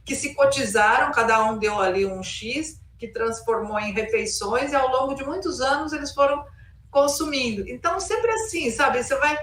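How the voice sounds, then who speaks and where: A middle-aged woman speaks in a fairly high voice, some way from the microphone in a roomy, echoing space. She recollects informally as an interview guest, rambling and quoting remarks as she goes. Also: lively intonation, moderate pace, a bit bright. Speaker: interview guest, cultural producer. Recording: roomy echo, distant microphone.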